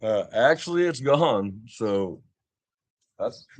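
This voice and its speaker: A man's voice: lowish voice, animated, slow pace, no room sound. An older man, chatting casually on a livestream and telling rambling stories with chuckles. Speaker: vlogger.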